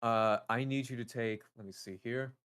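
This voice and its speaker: A man running a tabletop fantasy game, moving between deliberate scene narration and hesitant conversational asides. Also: medium pitch, steady tone, a bit bright, clear, resonant tone. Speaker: game master.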